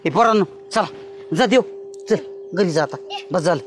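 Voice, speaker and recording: A man in a village comedy skit, boasting and bossing kids about with excitable energy. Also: high-pitched, normal speed. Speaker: comic lead in a village comedy.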